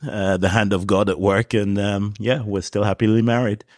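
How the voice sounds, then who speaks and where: A man in his fifties, originally from Cameroon, talks through his story in an easy, unhurried interview style, full of small fillers. His voice sits on the low side. The sound is dry and close, with no room around it. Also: no echo. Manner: relaxed storytelling with frequent fillers. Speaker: podcast guest. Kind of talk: casual interview talk.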